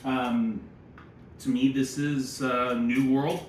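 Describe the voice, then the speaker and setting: A man's voice: medium pitch, flat delivery, slow. A man speaking as a sommelier in casual tasting commentary, wry and opinionated, full of wine jargon. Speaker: sommelier and presenter. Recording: echoey room, faint background noise.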